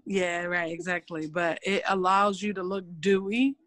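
A woman's voice: lowish voice, steady tone, a little slow, a bit bright, no echo. A woman co-hosting a podcast in casual chat, chiming in with affirming, supportive remarks. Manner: supportive, affirming listener who chimes in. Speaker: podcast co-host.

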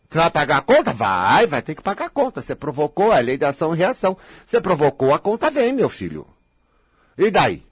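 Man, Brazilian accent, high-pitched, husky, dry close sound, blunt scolding self-help lecture. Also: dry recording. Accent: Brazilian Portuguese. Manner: mocks listeners' complaints in quick impressions. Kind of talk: motivational lecture to an audience.

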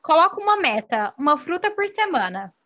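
A woman's voice: high voice, big pitch swings, a little fast, sharp tone, lo-fi sound. A woman co-hosting a casual podcast chat, teasing and encouraging her friend. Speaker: podcast co-host.

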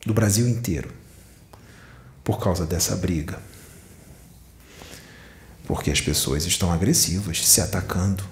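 A man's voice: low voice, measured pace, long pauses, darkish tone, slight background noise. A man giving a channeled spiritual sermon, admonishing his listeners with rhetorical questions. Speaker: spiritual medium. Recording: echoey room.

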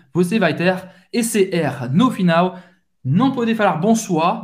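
A man who speaks with a French accent, a native French speaker hosting a podcast lesson and slowly repeating words for learners to drill. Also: sits high. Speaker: podcast host and French teacher.

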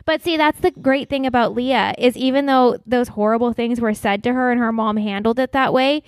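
A woman's voice: fairly high pitch, moderate pace, no echo, clean studio sound. A woman co-hosting a casual podcast, chatty and reactive, often restarting her sentences. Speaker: podcast co-host. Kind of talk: casual chat.

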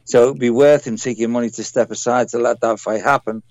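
A man with a British accent chatting casually as an interview guest over an internet call, halting and repeating himself. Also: medium pitch, fairly even intonation, darkish tone, no room sound. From United Kingdom. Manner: halting, repeats words and phrases. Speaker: boxing trainer, interview guest. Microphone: Skype call. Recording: internet call on a radio show.

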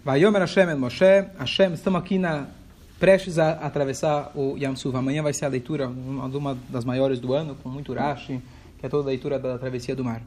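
A man teaching a lively text study class, acting out dialogue and mixing in Hebrew phrases. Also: mid-range voice, a little fast. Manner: expressive, acts out dialogue, mixes in Hebrew phrases. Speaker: Torah teacher.

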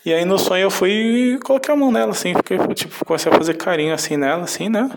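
A man's voice: high-pitched, fast talker. A man with a Brazilian Portuguese accent telling a story casually in a meandering, hesitant way.

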